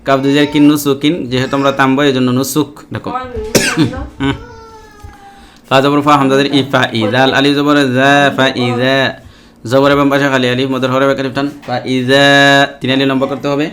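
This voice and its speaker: A man's voice: mid-range voice, monotone, crowd noise. A man teaching Quran reading, spelling each word letter by letter and briefly explaining the recitation rules. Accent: Bangladeshi Bengali. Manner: slow, measured letter-by-letter spelling with short rule explanations.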